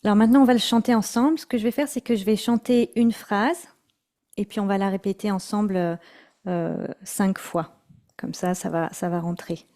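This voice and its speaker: A woman teaching mantra chanting in an online workshop, speaking gently with many hesitations and repeated words. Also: mid-range voice, steady tone, normal speed. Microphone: video call.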